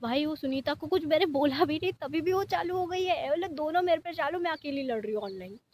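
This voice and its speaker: A woman's voice: high-pitched, a little fast. A young woman telling a storytime vlog in a casual, exasperated way, often quoting others sharply and mixing in English words. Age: young adult. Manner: animated, exasperated, mixes English words into Hindi.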